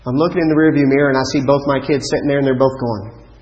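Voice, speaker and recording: Preacher telling a story. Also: male voice, mid-range voice, very fast, muffled recording. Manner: animated storyteller, drops to quiet emphatic lines. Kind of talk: storytelling sermon.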